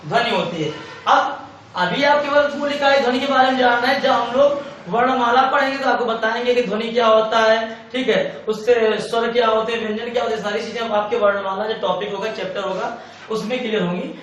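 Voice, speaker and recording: A man's voice: very high-pitched, steady tone, fairly quick, fairly bright tone. Male tutor who drills repeated Q&A, recorded from far off with faint hiss. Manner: repetitive, asks and answers own questions. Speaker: teacher. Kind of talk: exam-prep lecture. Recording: echoey room, far from mic, faint hiss.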